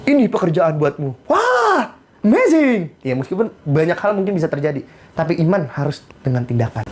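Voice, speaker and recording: A young man preaching a casual sermon as a pastor, conversational and slangy, acting out little stories. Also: medium pitch. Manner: conversational, slangy, animated storytelling.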